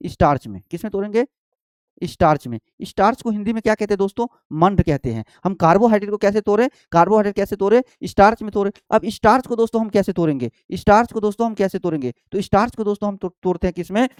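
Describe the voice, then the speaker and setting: A man's voice: high voice, expressive, fast talker, a little mellow, smooth, no echo, clean studio sound. A male teacher giving an exam-prep biology lesson, repeating each point and quizzing the students as he goes. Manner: repetitive, quizzing, addresses students as friends and babu.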